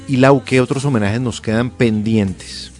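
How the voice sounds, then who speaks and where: A man's voice: mid-range voice, a little slow. Chatty male radio host, faint music. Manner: chatty, stumbling restarts, animated asides. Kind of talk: casual radio chat.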